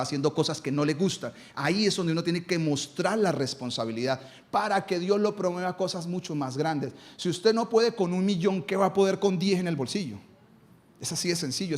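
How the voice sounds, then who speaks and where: A man preaches in church with a raised, high-pitched voice. He hammers his points home by asking questions aloud and answering them himself. His delivery is emphatic, the way a pastor talks to his congregation. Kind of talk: live sermon.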